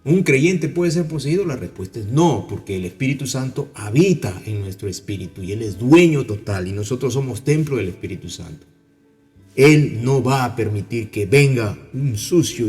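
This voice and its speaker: A man's voice: mid-range voice, moderate pace, soft background music. A man with a Peruvian accent preaching a sermon, telling stories and acting out the voices of the people in them. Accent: Peruvian Spanish. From Peru. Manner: animated storytelling, acting out voices. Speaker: pastor.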